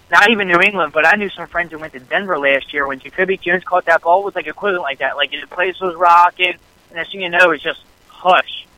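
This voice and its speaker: Excitable high-voiced man telling a sports story. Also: no echo, rough recording. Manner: animated storyteller, rambling with restarts. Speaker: podcast co-host. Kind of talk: excited casual sports chat.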